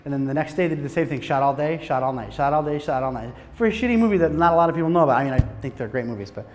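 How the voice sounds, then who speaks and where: Fast-talking American man lecturing in a hall. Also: on the high side. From Michigan, USA. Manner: animated, joking, swearing, restarts sentences. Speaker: film director giving a talk. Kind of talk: casual lecture to a live audience. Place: hot lecture room with an audience.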